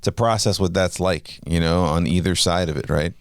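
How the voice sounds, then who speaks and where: A man's voice: sits low, normal speed, smooth, no room sound, studio quality. A man in his forties co-hosting a parenting podcast in casual chat, hesitant and searching for words. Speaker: podcast co-host.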